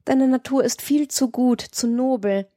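A woman's voice: sits high, unhurried, warm tone, no room sound, studio quality, pitched above the performer's own voice. A woman reading an audiobook, voicing a lovesick, submissive young man who pleads earnestly with his lover. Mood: pleading. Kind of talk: audiobook reading of a classic novel.

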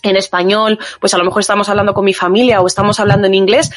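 Woman from Spain, mid pitch, thoughtful chat guest. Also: level tone, rapid-fire, no echo, clean studio sound, faint music behind. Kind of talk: casual chat.

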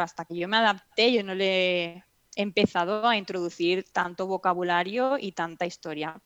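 A woman from Spain, chatting as an interview guest and telling animated stories. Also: medium pitch, no room sound. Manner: chatty, animated storytelling with restarts. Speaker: interview guest, mother and teacher. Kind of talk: casual interview chat.

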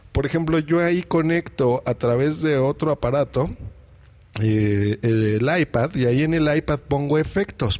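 A man's voice: medium pitch, darkish tone. A man, a podcast host explaining step by step in a how-to tutorial as he demonstrates equipment, speaking into a microphone run through a mixing desk in a home podcast studio.

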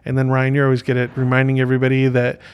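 A man's voice: mid-range voice, completely flat delivery, racing, clear, resonant tone. A man hosting a casual podcast interview, talking in a chatty, jokey, informal way. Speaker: podcast host. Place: podcast studio.

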